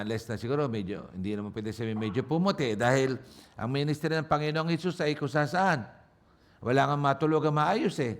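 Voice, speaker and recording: A male guest pastor from Nueva Ecija, speaking with his home province's accent. He preaches a sermon at a church service, moving between loud emphatic passages and quiet joking asides. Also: medium pitch. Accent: Nueva Ecija Filipino. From Philippines, Nueva Ecija.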